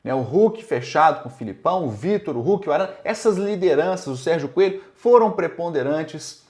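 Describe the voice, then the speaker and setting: Higher-voiced Brazilian man talking football. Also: animated, fairly quick, darkish tone. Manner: emphatic, conversational, often checking with tags. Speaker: football commentator and show host. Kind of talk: informal sports commentary addressed to fans.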